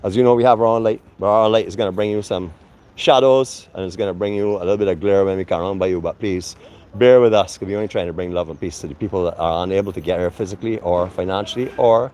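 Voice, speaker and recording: A man talks his viewers through a venue as he walks, chatty and friendly, with plenty of fillers. His voice sits a little low. It is picked up by a handheld camera as he moves around under a tent. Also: fast talker, darkish tone. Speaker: vlogger. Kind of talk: casual walk-through vlog.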